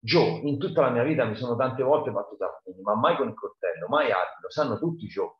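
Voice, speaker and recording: A man's voice: medium pitch, expressive, brisk, pitched above the performer's own voice, natural voice. A man reading aloud as a drunk, frightened older man who pleads in a shaky voice. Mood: pleading. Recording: roomy, dull lo-fi sound.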